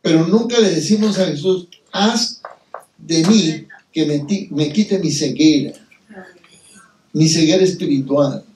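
A man's voice: a little high, unhurried, a little hiss or hum. Guy preaching a bible reflection, acts out voices, roomy echo, mic far away. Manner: animated storytelling, acts out quoted voices. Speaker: lay preacher. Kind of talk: sermon-style Bible reflection. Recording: roomy hall, distant mic.

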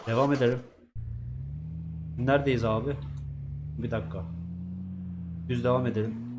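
A man's voice: mid-range voice, steady tone, normal speed, very noisy. Chatty man narrating his gameplay. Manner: chatty, swears at characters, talks to himself while playing. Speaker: gaming YouTuber. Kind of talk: casual let's-play commentary.

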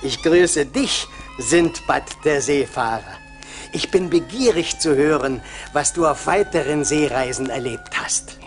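An actor playing a humble porter, speaking reverently and admiringly in a radio play. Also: male voice, fairly high pitch, animated. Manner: reverent, deliberate. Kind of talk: German radio play dialogue. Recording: vinyl record transfer with music behind.

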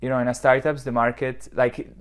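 A man's voice: mid-range voice, flat delivery, a little fast, smooth. Young man answering in a podcast interview. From southern Switzerland. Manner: reflective, many fillers and restarts. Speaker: startup founder, guest. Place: modern office lounge, indoors. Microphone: lapel mic.

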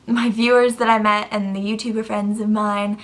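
A woman's voice: medium pitch, flat delivery, normal speed. A young woman chats casually to camera in a bubbly, gushing, giggly way. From Canada. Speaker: video blogger.

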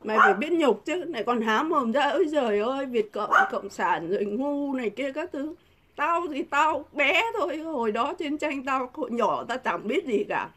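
A woman's voice: high voice, lively intonation, moderate pace, fairly bright tone. Scornful middle-aged woman on a rant. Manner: combative, insulting, scornful; repeated rhetorical questions. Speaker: vlogger. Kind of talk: angry political rant to camera.

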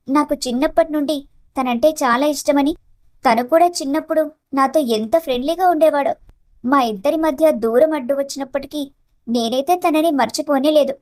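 A woman voicing an earnest, shy young bride in an animated story, the younger sister. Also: sits high, close to an everyday voice.

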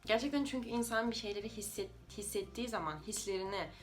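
A woman's voice: medium pitch, fast talker, faint music behind. Russian-accented woman speaking non-native, slightly unidiomatic Turkish. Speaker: language-learning video creator. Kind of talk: informal explanatory talk to viewers.

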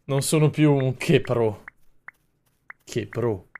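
A young man commenting on a video game as a streamer, swearing a lot, mocking himself and bursting into loud yells. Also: mid-range voice, takes it slowly. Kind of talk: gaming commentary.

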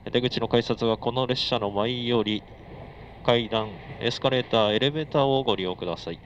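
A man's voice: medium pitch, fairly quick. Muffled male train conductor announcement. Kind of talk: live onboard train announcement. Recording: muffled train PA, vehicle noise.

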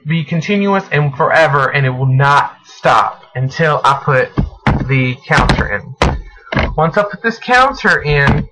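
A man narrating a step-by-step programming screencast, speaking in halting, deliberate phrases as if dictating while he types. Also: a little high, bright, forceful tone. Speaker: programming tutorial presenter. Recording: noisy home recording with mouse and key clicks. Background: clear background noise, clicking.

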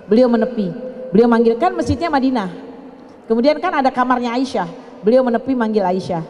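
An older woman delivers a sermon at a mosque in a fairly high voice. She is chatty and playful, teasing her audience as she talks. A long reverb from the hall trails behind her words. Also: expressive, brisk, darkish tone. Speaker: preacher at a mosque women's study.

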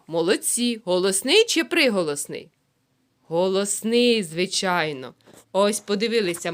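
A woman teaching a phonics lesson to young children, sounding out words slowly syllable by syllable. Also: mid-range voice, fairly bright tone. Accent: Ukrainian. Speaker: preschool teacher.

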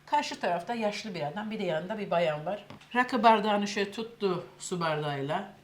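A woman's voice: mid-range voice, brisk, a little hiss or hum. An older woman, casually telling a long anecdote and acting out what others said. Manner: lively storyteller, acts out quoted voices. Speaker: cooking show host telling a story.

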